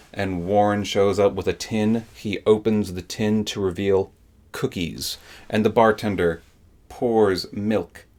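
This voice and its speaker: A man giving a casual, enthusiastic spoken book review, rambling with lots of fillers. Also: lowish voice.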